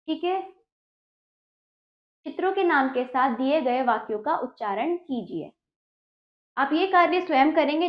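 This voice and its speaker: A woman teacher reading a children's lesson aloud, saying each word twice before the whole line. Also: high-pitched. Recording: dull lo-fi audio.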